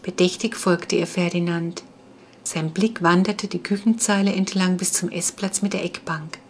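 A woman narrating a children's story in calm, even audiobook style. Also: lowish voice, normal speed, slight background noise.

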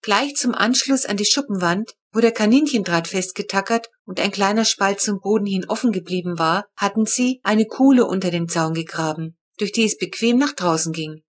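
A woman's voice: medium pitch, normal speed, hardly any pauses, husky. Woman reading a storybook chapter. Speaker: audiobook narrator. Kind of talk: storybook narration.

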